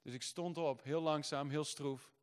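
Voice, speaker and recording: High-voiced preacher in a reverberant hall. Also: male voice, fairly even intonation, a little slow, smooth. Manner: builds from soft storytelling to shouted proclamation. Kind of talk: sermon.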